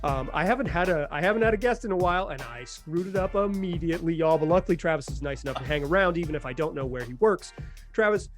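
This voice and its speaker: Speaking fast over faint background music, this man has a voice on the high side. He's a sports podcast host who keeps things informal, sits close to the microphone, and repeats phrases to drive points home while offering casual analysis.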